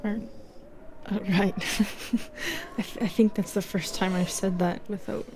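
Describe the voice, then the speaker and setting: A woman playing a lonely, cursed Medusa in an audio roleplay, speaking slowly and haltingly in a hushed half-whisper. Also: mid-range voice, steady tone, slight background noise, low-quality recording. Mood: shy, self-loathing. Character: modern Medusa, lonely cursed woman, bitter yet gentle. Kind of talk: intimate audio roleplay acting.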